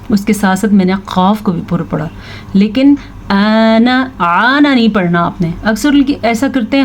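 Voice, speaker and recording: A woman teaching tajweed, slowly reciting verses and patiently explaining how each letter is pronounced. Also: mid-range voice, a little mellow, lo-fi sound, slight background noise. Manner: slow, drawn-out recitation of verses between quick spoken explanations; patient, instructive, repeats each word to correct common mistakes. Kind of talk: tajweed lesson with recited examples.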